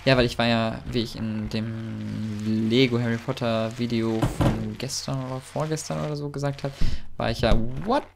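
A man giving excitable, chatty commentary while playing a game, often yelping and exclaiming. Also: medium pitch, normal speed, vocal fry, over loud music. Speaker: let's player.

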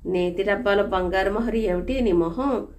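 A woman's voice: mid-range voice, normal speed, a little mellow, close to an everyday voice. A woman voicing a sly, dishonest male merchant who fawns and turns defensive, in a storybook reading. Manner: fawning, then defensive.

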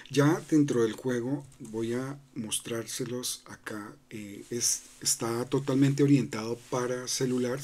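This crypto channel host has a dark-toned, mid-range voice. Walking through a screen recording, he keeps things casual and conversational, stumbling into restarts, piling on fillers, and checking in with "¿no?".

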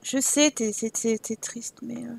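Young woman, high-pitched, casual let's-play commentary, exasperated and swearing. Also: fairly even intonation, a little slow, gravelly, slightly rough, no room sound. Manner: exasperated, swears at the game, talks to her Sims. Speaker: Sims let's play streamer.

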